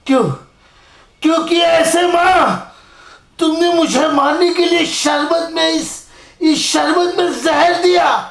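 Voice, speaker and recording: Guy doing a poisoned young son, begging his mom, high voice, slow, roomy echo. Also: heavily acted. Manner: pleading, repeatedly calling out to his mother. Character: young man poisoned by his own mother, heartbroken. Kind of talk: solo Hindi stage monologue.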